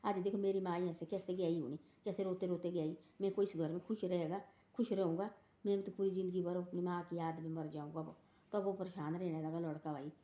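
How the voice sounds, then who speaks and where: A woman's voice: fairly low pitch, steady tone, brisk, lo-fi sound. A woman telling a moral folk story in a rambling, casual way, repeating "she said" between quoted lines.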